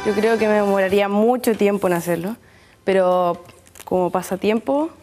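A young Chilean woman, an exchange student, presents a casual travel segment to camera outdoors in a seaside resort town and on the beach, speaking Spanish with a Chilean accent. She's chatty and enthusiastic, talking straight to viewers in a medium-pitched, somewhat dark voice at a moderate pace. Soft music plays underneath.

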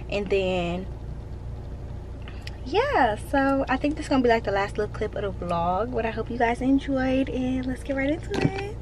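A woman's voice: fairly high pitch, a little hiss or hum. A young woman chatting casually to her viewers in a vlog, partly from her car, talking into a phone held at arm's length. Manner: chatty, playful, talks straight to viewers. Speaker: vlogger.

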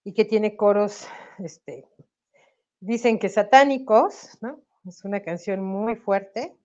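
Slow and mid-range, a woman's voice with a Mexican Spanish accent comes over a lo-fi webcam in a home room. She's a singer being interviewed on a video call, animated and laughing as she talks, with tag questions. A sore throat leaves her with a slight cough.

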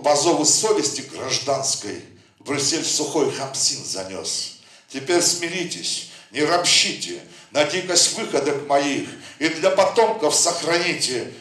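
A fairly bright, higher-pitched male voice recites verse rhythmically at his book presentation, chatting loosely with anecdotes between poems. The echoey room and distant mic give it a far-off sound.

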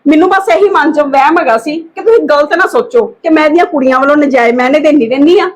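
High-voiced woman, calm and pleading. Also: fast talker. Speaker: aunt in a family skit. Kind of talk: acted family drama dialogue.

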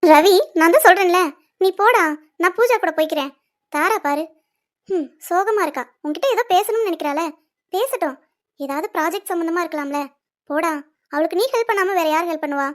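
A woman's voice: very high-pitched, a little fast. A woman voicing a loyal, exasperated young woman in a cartoon serial, scolding and insistent.

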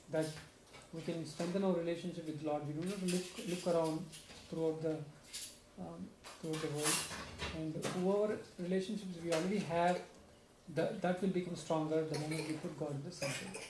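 A young man with a soft, low voice sums up a satsang, a devotional talk to a small group, in a home room with a shrine. He explains earnestly at a moderate pace with fairly even intonation and long pauses, often asking "right?" A stand mic in front and a far camera pick up roomy echo and clear background noise.

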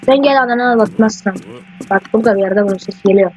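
Excitable high-voiced male gamer. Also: fast talker, soft background music. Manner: rambling, excitable, swears often at the game. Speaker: gaming YouTuber. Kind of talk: casual let's-play commentary. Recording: dull lo-fi mic with faint hiss.

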